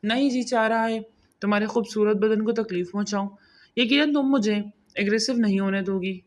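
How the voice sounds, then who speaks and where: A woman's voice: medium pitch, natural voice. A woman reading as a brooding, domineering husband. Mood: intense.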